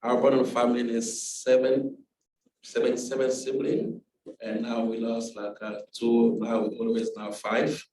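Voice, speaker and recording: Man, halting speech, echoey room, mic far away. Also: medium pitch, flat delivery, mellow. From Democratic Republic of the Congo. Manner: halting, many uh fillers, broken grammar. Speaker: panelist. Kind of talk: personal story at a panel.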